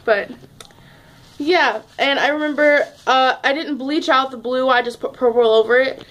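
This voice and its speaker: A woman's voice: high-pitched, steady tone, moderate pace, fairly bright tone. A young woman chatting casually in a home vlog, rambling and restarting her sentences as she talks to her viewers. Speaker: vlogger. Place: home room, at a table.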